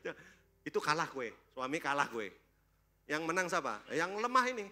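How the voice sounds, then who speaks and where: A man preaching a sermon at a church service, lively and joking, constantly throwing questions at the congregation. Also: a little high, moderate pace. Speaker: pastor.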